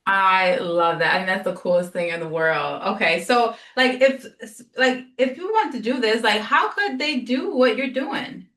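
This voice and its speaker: A woman's voice: medium pitch, animated, normal speed, few pauses, a bit bright, far from the mic. Enthusiastic woman host, off-mic and roomy. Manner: enthusiastic, short affirmations. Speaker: interviewer, host. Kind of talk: casual interview chat.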